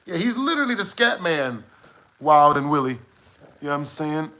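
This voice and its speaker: A man's voice: on the high side, very animated, normal speed, bright, forceful tone. A man live-streaming, chatting casually with his viewers in a joking, slangy way and swearing freely. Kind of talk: casual livestream chat with viewers.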